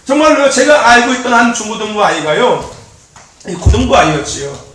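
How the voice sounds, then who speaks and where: A man youth pastor preaching a sermon in a church, animated and repetitive, laughing often as he talks. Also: very high voice, a little fast, slight background noise. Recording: very echoey, distant mic.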